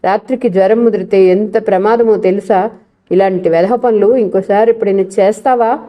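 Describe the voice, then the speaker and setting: Woman doing a harsh strict dad, storybook, raised pitch, muffled sound. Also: fairly even intonation, brisk, lightly acted. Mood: scolding. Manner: sharp, scolding. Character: stern scolding father, middle-aged man.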